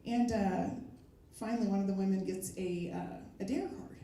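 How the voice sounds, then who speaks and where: A middle-aged woman performing a stand-up comedy set, telling stories in a wry way with filler pauses. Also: mid-range voice, mellow. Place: live comedy stage with audience. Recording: echoey live room from far off.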